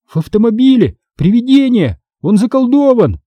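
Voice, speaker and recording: A man voicing a frightened twelve-year-old boy in an audiobook, pleading and shouting. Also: high-pitched, sing-song, moderate pace, dry recording, voice pushed up. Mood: desperate.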